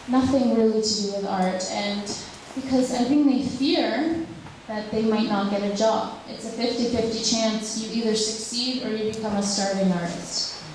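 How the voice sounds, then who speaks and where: This is a Ukrainian woman, a drawing teacher, responding to audience questions during a public talk in a hesitant way, full of fillers and restarts. Her mid-range voice has a darkish tone. She's far from the mic in an echoey hall, and there's slight background noise.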